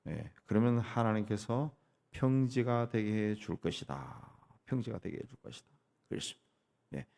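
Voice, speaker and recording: Deep gravelly man preaching with emphatic rises. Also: animated, normal speed, a little mellow. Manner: preaching with emphatic rises, repeating key phrases, frequent "예". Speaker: pastor. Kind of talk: early-morning prayer sermon.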